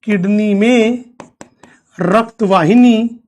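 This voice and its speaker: A male teacher from India gives a drawn-out lecture. He speaks slowly, repeats each key term, and puts questions to the class that he answers himself. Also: sits high, darkish tone. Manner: slow, repeats key terms, asks questions and answers them.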